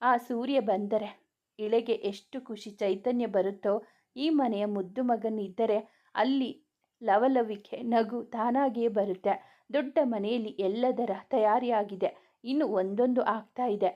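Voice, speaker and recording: A woman reading a romantic serial story aloud, with soft, even narration and plain voices for the dialogue. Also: a little high, a little slow, dull audio.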